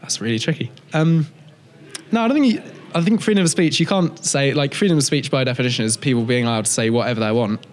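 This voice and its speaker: A man's voice: medium pitch, expressive, fast talker. Hesitant young male student. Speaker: student interviewee. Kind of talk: casual vox-pop answers.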